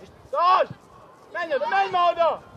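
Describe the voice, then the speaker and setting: Man, sideline football coach, very high shouting voice, outdoor pitch noise. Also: muffled recording. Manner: short urgent calls and praise to players. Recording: noisy outdoor pitch-side recording.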